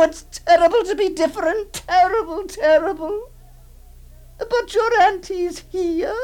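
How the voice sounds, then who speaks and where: A woman reading a dramatic monologue plays a clingy, possessive aunt, pleading tearfully with the little girl in her care. Her very high, sing-song voice swoops up and down as she lingers slowly over her words, hushed, tremulous and heavily acted.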